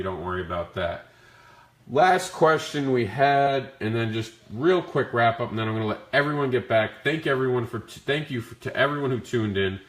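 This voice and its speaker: A man with a deep-leaning, growly voice roughened by flu hosts a casual Q&A stream. He talks informally to his viewers, and the sound is noticeably roomy and echoey. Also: a bit bright. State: sick with the flu. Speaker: comic creator hosting a Q&A. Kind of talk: casual livestream Q&A talk.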